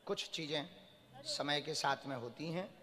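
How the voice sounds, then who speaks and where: Preacher blessing devotees in an echoey hall. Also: male voice, on the high side, a little slow. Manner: calls out blessings in a rising chant, otherwise calm and reassuring. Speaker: spiritual preacher reading devotees' petitions. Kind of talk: live public darbar session with a devotee.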